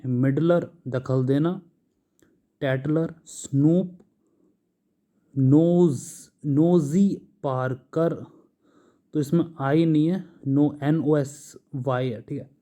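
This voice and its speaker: A man with an Indian English accent teaching English vocabulary, slowly listing synonyms and explaining them in Hindi. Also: a little high, warm tone. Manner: slow, patient, drawn-out word lists.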